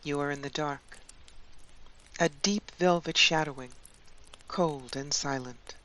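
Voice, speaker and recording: A woman hosting her channel and leading a guided meditation in a calm, soothing voice. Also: low-pitched. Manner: slow, calm, soothing delivery with long pauses.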